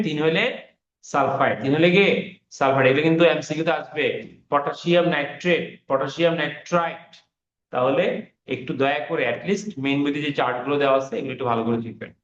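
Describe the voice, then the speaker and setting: A man teaches an online class in a slightly high voice, repeating key terms and pausing to quiz his students. The sound is roomy and dull, with a faint hiss behind it. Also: fairly bright tone.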